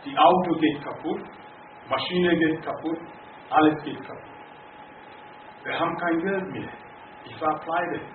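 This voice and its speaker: A man preaches his testimony in a high voice, slow and earnest, and turns emphatic as he drives his points home. He sounds far from the mic in a roomy church hall. The recording is thin and phone-like, with faint ambience behind him. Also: background noise. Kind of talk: sermon testimony.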